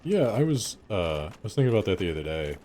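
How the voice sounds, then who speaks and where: Over game music, a man on a live stream rambles and jokes with his chat while he plays. His low, dark voice moves quickly with big pitch swings, with slight noise in the background.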